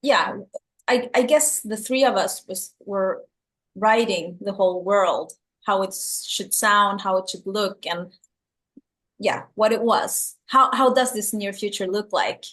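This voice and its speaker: The filmmaker guest, a middle-aged woman from El Salvador, talks at a measured pace with a medium-pitched, slightly bright voice. Answering interview questions in English with a Swedish and San Francisco accent, she's earnest and often repeats words as she looks for them.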